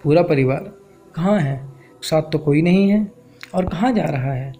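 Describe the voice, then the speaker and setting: Guy doing a stern cop scolding slow, gravelly, darkish voice, faint music under. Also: a little high, mellow. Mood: questioning. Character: stern male police constable, scolding.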